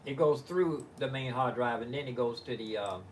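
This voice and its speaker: An older man hosts a rambling live-stream chat from his living-room home studio, talking casually while he meanders, halts, and restarts amid many fillers. His mid-range voice moves at a moderate pace, with slight background noise.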